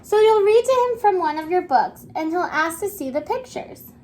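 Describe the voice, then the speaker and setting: An extremely high-pitched woman with lively intonation and a somewhat dark tone reads aloud to kindergartners. Her simple, expressive phrases encourage the children, and she pauses after questions so they can answer, with slight background noise.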